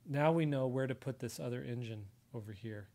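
A man's voice: mid-range voice, fairly quick, warm tone. American man teaching drawing, in one ear only. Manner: explains step by step while sketching. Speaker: drawing instructor, artist. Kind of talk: casual live drawing tutorial. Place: indoor room, live stream at desk. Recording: sound in left ear only.

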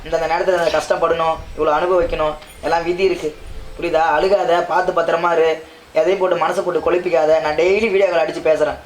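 A man's voice: on the high side, flat delivery, quick pace, a little hiss or hum, lightly acted. A man with a southern Tamil accent playing a husband who is leaving to work abroad, coaxing his wife again and again not to cry. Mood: reassuring. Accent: southern Tamil Nadu. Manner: coaxing, repeatedly reassuring. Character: husband going abroad to repay debts. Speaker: skit actor. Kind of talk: comedy skit acting. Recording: roomy with faint ambience.

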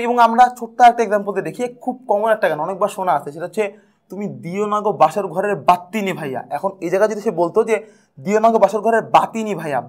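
A high-pitched young man teaches an exam prep lesson at a quick clip. He keeps it lively and playful and goes over each key point more than once.

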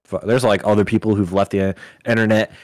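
A man telling stories in casual podcast chat, halting, slangy and sweary. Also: on the low side, fairly even intonation, dry recording. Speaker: podcast co-host.

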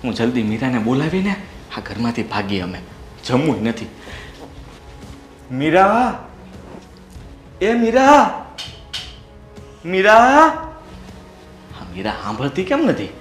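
A man's voice: medium pitch, very animated, a little fast, soft background music, close to an everyday voice. An actor playing a nervous young son-in-law who stammers and argues defensively with his mother-in-law. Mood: flustered. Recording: echoey room.

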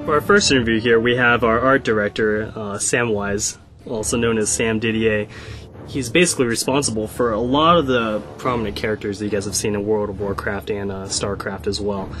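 A man's voice: fairly low pitch, steady tone, fairly quick, a bit bright, slight background noise. A man hosting a podcast, introducing the episode and interviewing a guest in a casual way. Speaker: podcast host and community manager.

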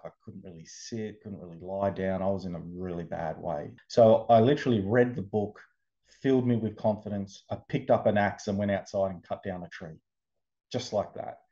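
A man, an interview guest, telling his recovery story in casual, animated talk, over a video call. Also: lowish voice, lo-fi sound. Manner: animated storyteller, acts out quoted voices.

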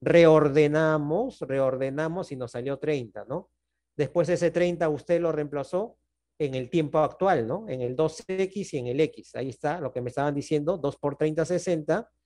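A man with a Peruvian Spanish accent, teaching math over a video call. His voice sits a bit high. He walks through each step patiently and keeps checking that the class is following. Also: moderate pace, a little mellow. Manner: patient, checks in often with "¿no?" and "¿está bien?". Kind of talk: online class explanation.

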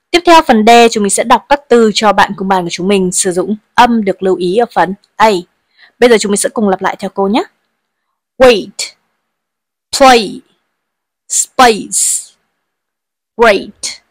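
A woman's voice: mid-range voice, no room sound. Patient woman teaching English, dry sound. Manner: patient, explains each word and has pupils repeat. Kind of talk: bilingual English lesson for pupils.

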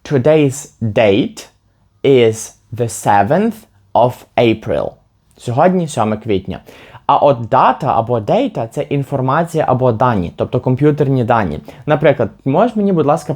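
Man teaching English words, patient explainer, even mid-pitched voice, slows down for examples.

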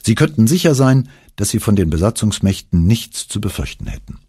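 Deep, husky male memoir narrator. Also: brisk, no echo, studio quality. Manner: expressive storytelling with voiced quotes. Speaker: audiobook narrator. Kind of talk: first-person memoir reading.

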